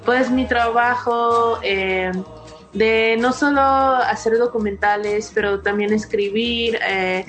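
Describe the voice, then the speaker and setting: A young documentary filmmaker from California, United States, offers a thoughtful personal testimony in an interview. Her voice is on the high side and fairly bright, steady in tone and slow in delivery, with faint music behind.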